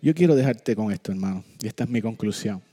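A man preaching a sermon, joking and animated at times, then slowing into solemn, deliberate points. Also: fairly low pitch, breathy edge. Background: soft piano music.

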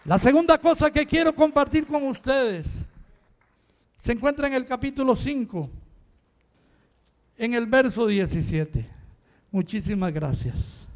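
Older pastor preaching, high voice, goes from soft to shouting. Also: male voice, animated, measured pace, pauses often. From Costa Rica. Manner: impassioned, swings from quiet to shouting. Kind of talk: sermon.

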